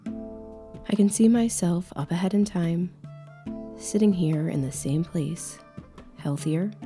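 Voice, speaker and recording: A woman guides a meditation, speaking very softly and intimately, as if right in your ear. Her voice is extremely mellow and a little low, often sinking close to a whisper. She goes slowly and calmly, leaving long pauses between phrases. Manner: calm, soothing, unhurried with long pauses.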